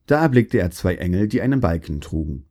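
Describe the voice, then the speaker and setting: Calm, low-voiced male storyteller. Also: fairly quick. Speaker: narrator. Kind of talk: storybook narration.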